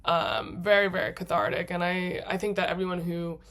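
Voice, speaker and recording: A woman's voice: fairly low pitch, little pitch movement, moderate pace, fairly bright tone. A woman vlogger telling a travel story in a casual, gushing way, laughing often and acting out her own thoughts in quoted asides. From United States. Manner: chatty, gushing, laughs often mid-sentence.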